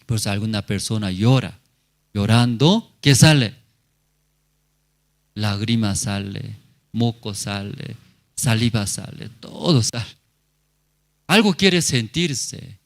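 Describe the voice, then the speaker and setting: A male pastor preaching a sermon at a church service, speaking in short, simple phrases and often turning to the congregation with questions. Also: mid-range voice.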